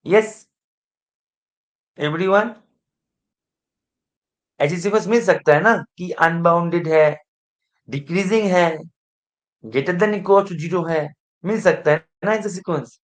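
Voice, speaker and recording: A man's voice: high voice, takes it slowly, long pauses. A man teaching a live online math revision class, mixing in English terms and checking again and again that everyone follows. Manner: keeps checking students understand, asks the class repeatedly.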